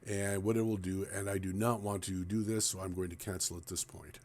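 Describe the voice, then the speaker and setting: A man's voice: low voice, little pitch movement, a little fast, darkish tone. A man walking through a computer task step by step in a plain, explanatory screen-recording tutorial. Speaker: tech tutorial presenter.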